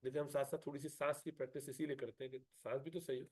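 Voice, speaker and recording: A man teaching a Quran recitation class, explaining rules briskly and chanting verses slowly for the class to follow. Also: medium pitch, little pitch movement, a little mellow, slightly rough. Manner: switches between brisk explanation and slow melodic chanted recitation. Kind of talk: tajweed class, modelling recitation.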